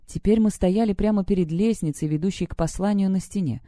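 A woman reads a story aloud in an even, steady way. Her tone is mellow and soft-edged. The recording is close and dry. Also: medium pitch, a little fast, dry recording. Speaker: audiobook reader. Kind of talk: scripted story narration.

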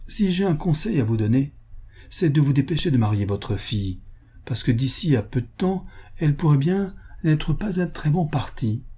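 A man's voice: medium pitch, animated, normal speed, dark tone, husky, voice pushed up. Man putting on a haughty old baroness. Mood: persuasive. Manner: pointed, persuasive, offended queenly tone. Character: older woman matchmaker baroness, haughty, sharp-tongued.

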